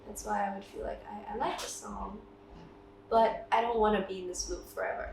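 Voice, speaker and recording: A singer-songwriter in her twenties talks casually in an interview, laughing a lot and slipping in a few Thai words. Her medium-pitched voice is steady, fast and creaky. The recording sounds roomy, with the mic set back and music and noise in the background.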